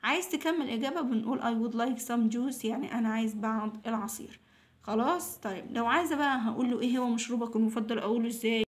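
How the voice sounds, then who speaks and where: A woman with an Egyptian Arabic accent teaching English to young children, patiently repeating each new word slowly several times. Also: on the high side. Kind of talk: recorded lesson for young children.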